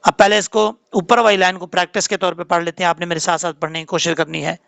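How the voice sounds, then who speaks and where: A man teaches Quran recitation patiently. He spells letters one by one and then chants the words slowly. His voice sits high with a gravelly edge, close and dry with no room sound. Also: level tone, fairly bright tone, dry recording. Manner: patient, drawn-out chanted recitation between quick explanations.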